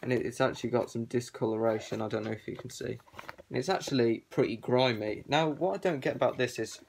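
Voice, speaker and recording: Casual guy, voice through a cloth balaclava, offhand and rambling collector chat, average pitch. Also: fast talker, creaky, slight background noise. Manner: rambling, filler-heavy, offhand. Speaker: collector showing his gas masks. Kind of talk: casual show-and-tell vlog.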